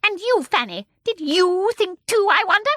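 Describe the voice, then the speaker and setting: A woman voicing a tiny, very old, domineering storybook woman with a high, shrill, squeaky voice. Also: very animated, normal speed, a bit bright, dry recording, studio quality, full character voice. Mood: fierce, scornful. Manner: chattering, domineering, exclamatory. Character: tiny ancient shrill woman, fierce then sweet, gleefully eccentric.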